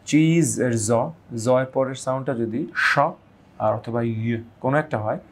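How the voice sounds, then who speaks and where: A man from Bangladesh teaching English pronunciation, who stretches out the example words and often checks with "right?". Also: mid-range voice. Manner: drawn-out model pronunciations, frequent "right?". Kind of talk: slow explanatory lesson.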